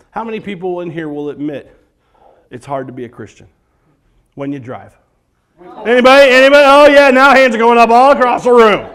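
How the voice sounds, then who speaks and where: A middle-aged man doing stand-up comedy for a church audience, animated and exaggerated, breaking into sudden shouts. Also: sits high. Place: church event hall before a live audience.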